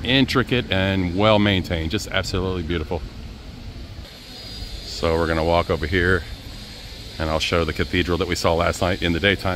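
Low-voiced man on a chatty walking tour. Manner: easygoing, chatty, addresses viewers as guys. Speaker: travel vlogger. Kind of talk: casual walking-tour narration. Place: outdoors on city streets. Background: faint street and traffic noise.

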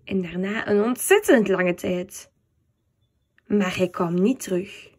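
A woman's voice: medium pitch, slow pace, darkish tone, slightly rough. A woman narrating a children's audiobook expressively, with comic timing.

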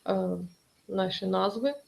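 A woman's voice: mid-range voice, unhurried, gravelly, poor audio. A woman teaching an online exam-prep lesson, explaining carefully with many hesitations.

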